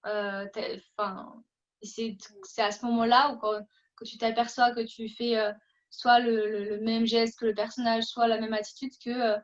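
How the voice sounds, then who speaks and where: A woman with a fairly high voice hosts a casual interview on acting. She talks hesitantly, full of fillers and restarts. The recording sounds dull and lo-fi. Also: little pitch movement, normal speed.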